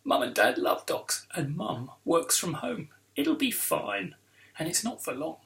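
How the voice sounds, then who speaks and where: A man voicing a calm, firm young schoolgirl in a children's book reading. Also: fairly high pitch, a little slow, gravelly, heavily acted. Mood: cheerful. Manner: reassuring, firm.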